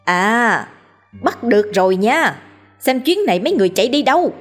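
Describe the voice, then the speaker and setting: A woman voicing an enraged heavyset village woman, shouting and wailing shrilly at thieves in a storybook tale. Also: fairly high pitch, big pitch swings, normal speed, soft background music, pitched above the performer's own voice. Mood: gloating. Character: loud enraged fat village woman, shrieking.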